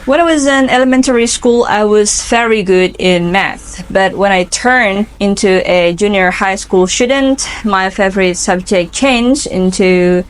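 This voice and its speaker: For an English speaking assignment, a woman in her twenties with an Indonesian accent answers interview questions at a medium pitch. She's earnest and careful, pausing and using fillers.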